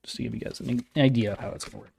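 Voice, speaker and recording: Very low-voiced woman game master. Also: very fast, vocal fry, a little hiss or hum. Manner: relaxed, filler-heavy explaining. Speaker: dungeon master. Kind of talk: explaining game rules.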